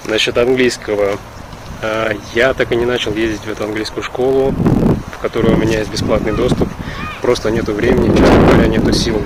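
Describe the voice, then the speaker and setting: A man from Russia, chatting in a halting, reflective way in a casual vlog recorded outdoors with wind on the mic. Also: on the low side, steady tone. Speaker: vlogger. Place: outdoors in a park. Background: wind and outdoor ambience.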